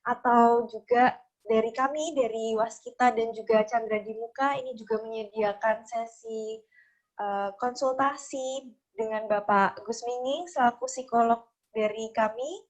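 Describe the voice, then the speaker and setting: A woman's voice: on the high side, measured pace, poor audio. A woman moderates a webinar question-and-answer session, reading out questions and announcements in a friendly, chatty way over a video call. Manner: friendly, chatty, with frequent "nih" and "gitu ya" fillers.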